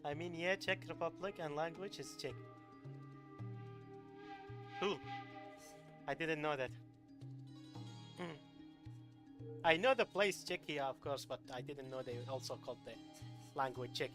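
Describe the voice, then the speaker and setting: An Iraqi man streams a game over background game music, giving live commentary that rambles and hesitates, full of fillers. His voice is a little high and unhurried, with frequent pauses.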